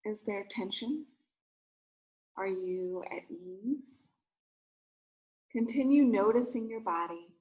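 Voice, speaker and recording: Gentle, soothing meditation instructions come from a woman acting as a rabbi, spoken in short phrases with pauses. She has a mid-range voice, heard on a rough recording.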